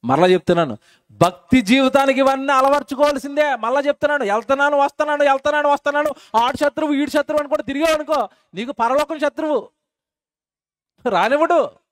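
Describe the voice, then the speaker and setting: A male preacher with an extremely high voice delivers a sermon to his congregation at a quick pace. He keeps posing questions to the listeners and answering them himself, repeating phrases for emphasis.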